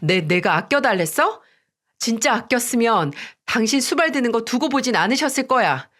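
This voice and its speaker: A woman's voice: fairly high pitch, expressive, moderate pace, fairly bright tone. A woman voicing a resentful daughter-in-law who answers her mother-in-law curtly and defensively in a radio story drama. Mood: curt defiant. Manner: curt, dismissive and defensive. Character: defiant, resentful young wife and daughter-in-law.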